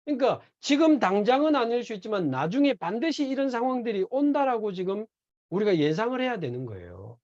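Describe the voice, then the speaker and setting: Lively church lecturer, dull lo-fi sound. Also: medium pitch, fairly quick. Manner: animated storytelling, acts out quoted dialogue. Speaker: evangelism class teacher. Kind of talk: sermon-style church lecture.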